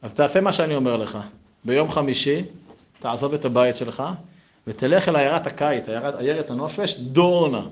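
A man doing a calm, wise old rebbe. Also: mid-range voice, close to an everyday voice.

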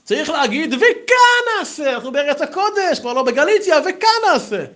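A man voicing an elderly male rabbi who insists loudly and emphatically. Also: huge pitch swings, heavily acted. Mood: indignant. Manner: high, insistent, exclaiming.

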